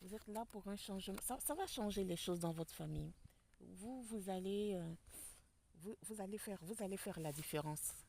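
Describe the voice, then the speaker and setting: Soft-spoken woman reading tarot cards. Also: medium pitch, moderate pace, slight background noise. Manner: speaks softly and quietly. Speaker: tarot card reader. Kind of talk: spiritual tarot reading to camera. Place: public place outdoors with people nearby.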